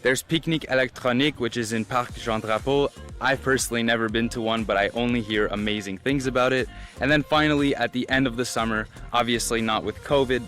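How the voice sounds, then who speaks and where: A man's voice: medium pitch, fairly bright tone. A man presenting a city travel guide video as a vlogger, in an enthusiastic, informal way. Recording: music behind the voice.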